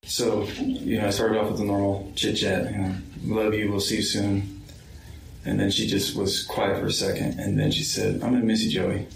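A man in a recorded interview, slowly and hesitantly recounting events, with many pauses and ums. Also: lowish voice, completely flat delivery, vocal fry, noisy background. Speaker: interviewee, victim's son. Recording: roomy far-off interview mic.

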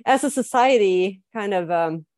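A woman's voice: mid-range voice, lively intonation, moderate pace, darkish tone, no echo. A woman from Sweden, an author, explaining her ideas thoughtfully as a guest on a podcast interview.

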